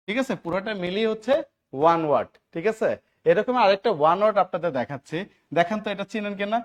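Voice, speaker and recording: A man from Bangladesh teaching a grammar lesson for job-exam students, who keeps asking the class short check questions and answering them himself. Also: sits high. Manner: grows louder and more emphatic while stressing points.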